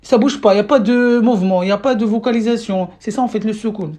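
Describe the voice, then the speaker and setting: Speaking quickly in a mellow, medium-pitched voice, a woman teaches Arabic in French on a live stream through a phone or webcam mic. She patiently repeats questions to her viewers, with many fillers and restarts.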